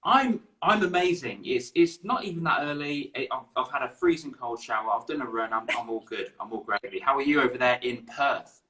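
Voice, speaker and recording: Upbeat English male host, middle pitch, chatty, slight stutter on restarts. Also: brisk, sharp tone, distant mic. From England. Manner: upbeat, chatty, repeats words. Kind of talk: online interview. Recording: echoey room, away from the mic.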